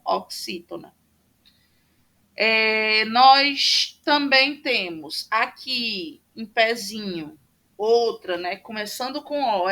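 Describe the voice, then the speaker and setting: Woman, online teacher, higher voice, unhurried step-by-step explainer. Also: sharp tone. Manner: patient, explaining step by step with many fillers. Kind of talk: online class lecture. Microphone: computer mic on a video call.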